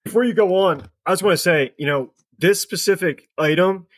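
A male podcast host runs a chatty interview and often speaks to the audience directly. His voice sits higher than most men's, and he talks fast.

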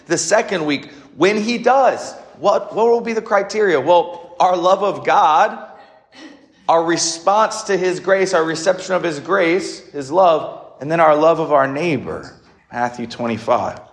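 Male priest preaching, slightly high-pitched voice. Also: expressive, unhurried, echoey room. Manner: rhetorical questions, short emphatic phrases. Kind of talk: sermon, explanatory and conversational.

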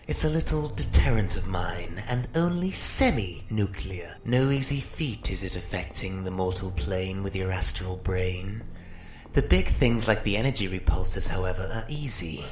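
A man playing a sardonic, theatrical psychic magic-user, narrating an audio drama with wry mock politeness. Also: fairly low pitch. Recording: roomy echo, faint noise.

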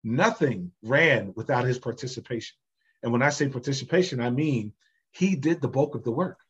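Male podcast guest, husky tone, slightly muffled recording, emphatic and animated delivery. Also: medium pitch, moderate pace. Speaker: podcast guest, business systems founder. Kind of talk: conversational podcast interview.

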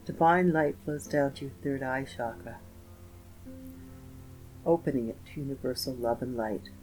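A man narrating a scripted guided meditation in a slow, gentle, soothing manner with pauses. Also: mid-range voice, rough recording. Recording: voice over meditation music. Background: soft instrumental music with guitar.

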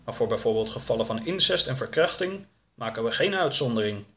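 A man's voice: medium pitch, animated, fairly quick, a bit bright. A man voicing a self-assured older male politician in a storybook reading, earnest and self-satisfied.

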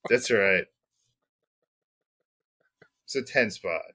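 Guy cohosting a podcast, bright voice, rambly and jokey, lots of ums. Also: fairly low pitch, takes it slowly, husky. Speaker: podcast co-host. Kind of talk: casual chat about racing bets.

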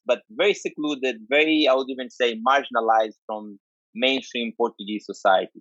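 Speaking with an Angolan accent, a man from the dance culture world explains something informally and conversationally, using repetition and lists to drive his points home. His voice is fairly low and a bit bright, recorded lo-fi with no room sound.

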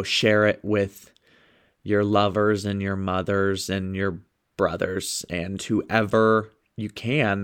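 A young man who works as a sales coach hosts his own motivational podcast, coaching listeners on good habits with eager, upbeat, enthusiastic energy. His voice is on the low side with a clean tone, though he sounds stuffed up and a bit sniffly from a cold.

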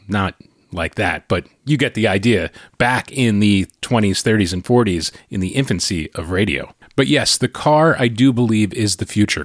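A man's voice: on the low side, no room sound, clean studio sound. A man hosting a podcast, explaining things in a conversational way and often checking in with tag questions. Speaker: podcast host. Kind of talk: solo podcast monologue.

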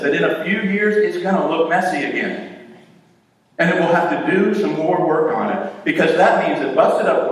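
A male pastor with a slightly higher voice speaks to his flock in a loose, conversational sermon, asking the room questions as he goes. He sounds distant from the mic. His words ring around a large church sanctuary with a long, echoing tail. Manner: conversational preaching with rhetorical questions to the congregation. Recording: echoey hall from far off.

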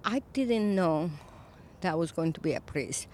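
A Colombian-born woman in her fifties, an Episcopal priest, speaking thoughtfully in a recorded interview, with frequent pauses and fillers. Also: fairly low pitch, animated, a little hiss or hum. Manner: reflective, soft-spoken with frequent pauses and fillers.

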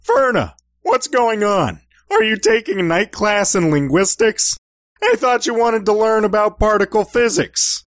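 A dopey, good-natured gumshoe for a radio comedy. His cartoonish exclamations leap up and down in pitch. The sound is dry. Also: sing-song, measured pace, fairly bright tone, no echo, heavily acted. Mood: puzzled. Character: dopey, good-natured male discount private detective. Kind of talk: comic radio-play acting.

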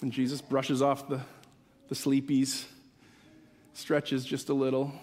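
A man preaching a sermon, telling the story dramatically, dropping to hushed whispers and rising to urgent calls. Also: medium pitch, monotone, takes it slowly. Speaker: pastor. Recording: long hall reverb.

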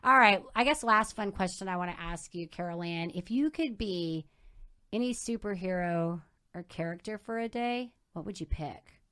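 A woman's voice: fairly low pitch, moderate pace, sharp tone, clean tone. A woman hosting a podcast interview, bubbly and enthusiastic, laughing often. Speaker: podcast host. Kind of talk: casual interview chat.

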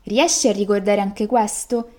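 A woman's voice: mid-range voice, dark tone, natural voice. A woman voicing a clever, sly young peasant girl. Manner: deliberate, riddling.

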